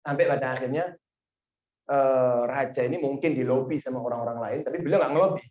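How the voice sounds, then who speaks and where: A man giving a sermon, telling a story and acting out its dialogue with sudden high exclamations. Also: fairly quick, darkish tone. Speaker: preacher. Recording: dull, roomy lo-fi recording.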